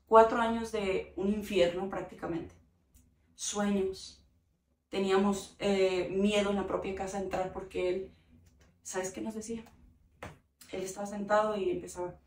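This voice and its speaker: Earnest woman sharing a painful testimony. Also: mid-range voice. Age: adult. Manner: earnest, heartfelt, often addresses the listener directly. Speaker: interviewee giving a testimony. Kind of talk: emotional personal testimony. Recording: roomy echo, mic at a distance, faint background hiss.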